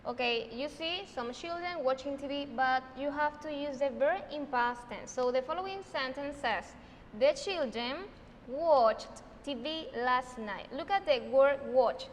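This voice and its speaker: Venezuelan lady teacher, high voice, repeats words slow, echoey room w faint hum. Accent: Venezuelan Spanish. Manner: slow, emphatic repetition of example words; switches between Spanish and English. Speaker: English teacher. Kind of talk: recorded online English lesson.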